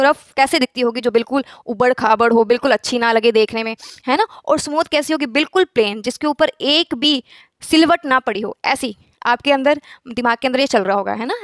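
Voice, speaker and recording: A woman's voice: high voice, brisk, fairly bright tone, no echo, clean studio sound. A woman teaching a biology lesson, asking herself rhetorical questions and answering them, mixing English phrases into her speech. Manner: repeats key words. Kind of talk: classroom lecture.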